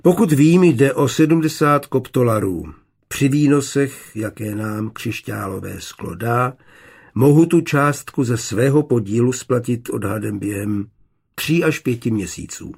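A man doing a calm, shrewd young glassmaker. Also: mid-range voice, creaky, husky. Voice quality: calm, measured.

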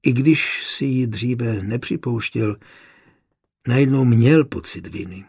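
A man narrating a novel as an audiobook, reading in a measured, steady way with a gravelly, husky voice. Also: mid-range voice.

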